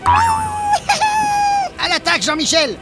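Very high-pitched, cheeky hobbit. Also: male voice, animated, normal speed, creaky. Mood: cocky taunting. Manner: cheeky, slangy. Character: cocky, foul-mouthed male hobbit rogue. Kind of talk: parody fantasy cartoon acting. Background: music.

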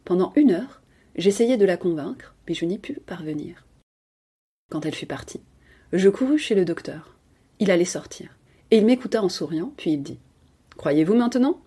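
Woman reader, measured literary narration, warm and breathy tone. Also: on the low side, lively intonation. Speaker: podcast reader. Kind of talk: literary audiobook reading.

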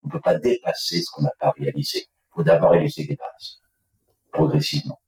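A man teaching yoga breathing in an interview, speaking slowly and chanting mantras as he explains them. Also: fairly high pitch, sing-song, creaky, a little mellow, far from the mic. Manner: slow, measured, chanting mantras. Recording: echoey room, voice from off-mic.

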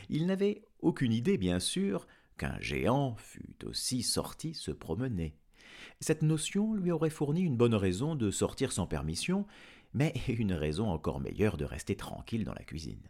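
A man narrating a novel aloud as an expressive audiobook reader. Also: low voice, a little slow. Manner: expressive, lively reading. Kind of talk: audiobook storytelling.

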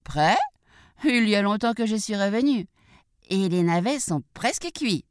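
A woman voicing a small, clever little pig in a children's storybook reading, with a high, squeaky, piping voice. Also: lively intonation, measured pace, no echo, studio quality, natural voice. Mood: sly.

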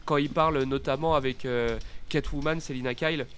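A man's voice: medium pitch, steady tone, fairly quick, a bit bright. Chatty man, faint noise behind. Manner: chatty, frequent fillers. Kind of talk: casual film discussion.

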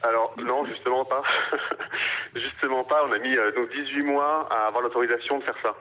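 A man's voice: mid-range voice, steady tone, normal speed, pushed and bright. A man from Paris, a winemaker guest answering radio interview questions, hesitant with many fillers and restarts. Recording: dull radio sound.

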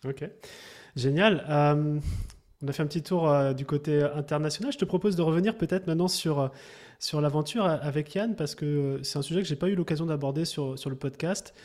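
A man's voice: a little high, a little fast, a little mellow. A man hosting a podcast interview, asking questions and giving short affirmations. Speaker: podcast host.

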